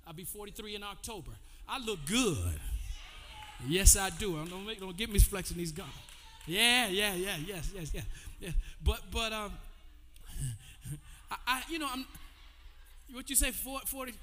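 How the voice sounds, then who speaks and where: A pastor in his forties preaches in a church sanctuary, his high, bright voice animated and forceful yet unhurried. He keeps it loose and conversational, calling out to the congregation between bits of testimony. The long hall reverb carries a little hiss or hum.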